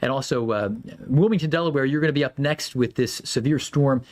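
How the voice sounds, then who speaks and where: A man, a meteorologist, giving live severe weather commentary in a conversational way with many fillers and lively swings in pitch. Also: fairly quick.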